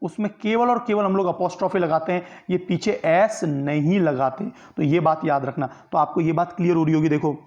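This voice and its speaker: A man's slightly high, darkish voice moves at normal speed with few pauses through an online grammar lecture for exam prep, recorded with lo-fi sound. He explains step by step, answers questions he raises himself, and seeks agreement through tag questions.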